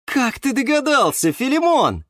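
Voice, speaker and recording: A man's voice: high voice, very animated, a little slow, dry recording, clean studio sound, voice pushed up. A man voicing a cheerful young man in love, beaming and sing-song, in a children's storybook.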